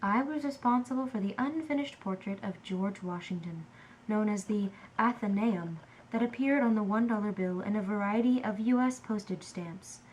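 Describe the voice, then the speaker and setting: A woman's voice: medium pitch, normal speed, darkish tone, slight background noise, rough recording. A young adult woman reading a first-person biography of a historical painter for a class project. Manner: reads in character as a historical painter. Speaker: student presenter.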